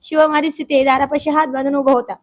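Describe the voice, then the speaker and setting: Woman storyteller, scripted narration, expressive, high voice. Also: quick pace.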